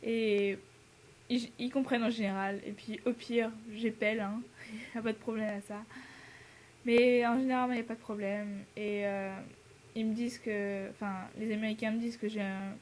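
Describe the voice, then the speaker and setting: A woman's voice: on the high side, level tone, normal speed, darkish tone, a little hiss or hum. A teenage girl from France, an exchange student, chatting casually to the camera with lots of fillers, laughs and English words mixed in. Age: teens.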